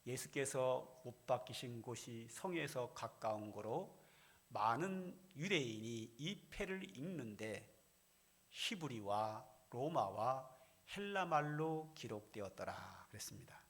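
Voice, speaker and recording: A man's voice: medium pitch, expressive, slow pace, a bit bright. A middle-aged male senior pastor preaching an expository sermon in a church, reading scripture and animating the quoted voices of the crowd. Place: church sanctuary.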